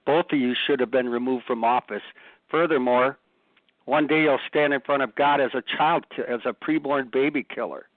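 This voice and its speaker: A man's voice: medium pitch, moderate pace, dry recording. A man co-hosting a ministry radio show, blunt and rising to fervent emphasis. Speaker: ministry co-host. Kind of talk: impassioned radio commentary. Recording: dry, phone-like lo-fi line.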